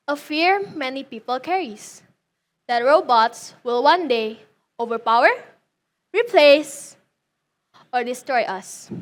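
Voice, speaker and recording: Teen girl student, high voice, delivering a prepared thesis speech with dramatic flair. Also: fairly bright tone. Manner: dramatic, rhetorical questions. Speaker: student defending a senior thesis.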